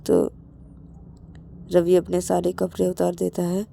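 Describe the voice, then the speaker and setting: A woman narrating a romance story at an unhurried storytelling pace. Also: lowish voice, completely flat delivery, creaky, warm tone, slight background noise. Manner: slow, plain storytelling.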